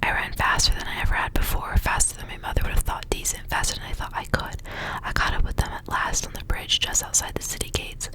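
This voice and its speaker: Talking quickly on a rough recording, a woman who hosts an ASMR channel reads a storybook in a soft, unvoiced whisper, adding casual asides as she goes.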